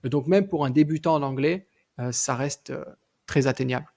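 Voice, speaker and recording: A man hosting a casual interview, asking questions in a conversational way. His mid-pitched voice has a gravelly, creaky edge. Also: moderate pace, darkish tone.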